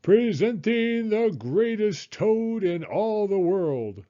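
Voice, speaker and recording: A strange, grand storybook announcer, performed by a man, proclaiming to a theater. The pitch is raised and sweeping, the delivery drawn out. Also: very animated, takes it slowly, mellow, dull audio, exaggerated voice. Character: strange, grand stage announcer voice from far away.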